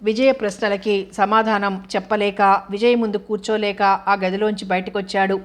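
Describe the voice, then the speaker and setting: A woman narrating an audio novel in a steady, scripted storytelling manner. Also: mid-range voice, brisk.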